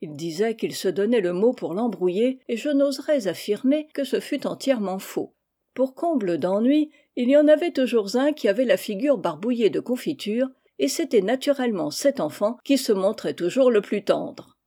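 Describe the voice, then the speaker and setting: Mellow woman reading a novel aloud. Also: fairly high pitch, animated, moderate pace. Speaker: audiobook reader. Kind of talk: audiobook narration of a humorous novel.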